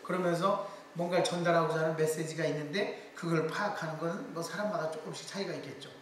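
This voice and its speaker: The hall is echoey and the middle-aged speaker sounds far away, with a little hiss or hum on the recording. A fast talker with a slightly high voice, he lectures on public speaking, telling lively stories and quoting people's voices.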